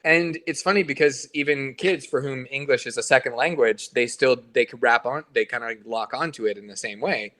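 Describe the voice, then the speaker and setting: A man's voice: mid-range voice, fairly quick, hardly any pauses, fairly bright tone. Male band member, mid-range voice, rambling casual podcast chat. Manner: rambling, hedging, full of fillers and restarts.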